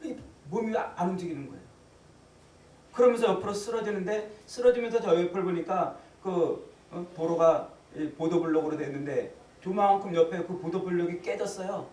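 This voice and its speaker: A male pastor preaching a sermon, telling a personal story with big swings between loud exclamations and hushed asides. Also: high voice, moderate pace, slight background noise. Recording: echoey hall, voice from far off, faint ambience.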